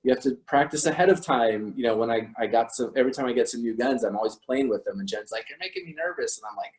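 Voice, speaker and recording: A man hosts a casual livestream from his home, talking at a middle pitch. He rambles emphatically, restarts his sentences often and swears freely. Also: quick pace, darkish tone, rough recording. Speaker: host of an online talk stream.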